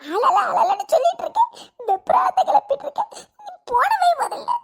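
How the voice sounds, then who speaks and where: Sobbing, scolding wife. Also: female voice, extremely high pitch, animated, normal speed, a little mellow. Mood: weepy. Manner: sobbing while scolding, laughing through tears. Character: tearful village wife grieving lost treasure. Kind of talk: cartoon voice acting.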